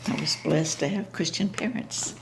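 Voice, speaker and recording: A woman's voice: low voice, normal speed, creaky, background noise. A woman chatting casually, chiming in agreeably beside the host. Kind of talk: casual chat.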